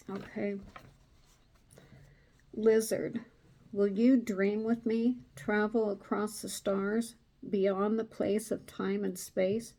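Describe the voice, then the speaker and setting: A soft-spoken woman giving a casual tarot reading, hesitant with many fillers, reading aloud from a card book. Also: mid-range voice, vocal fry. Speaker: tarot reader.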